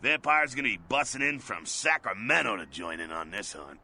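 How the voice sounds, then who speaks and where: A man voicing a gruff, streetwise male vampire helper in a video game, talking in an urgent, blunt and sardonic way. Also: on the low side, expressive, moderate pace, pushed and bright, full character voice.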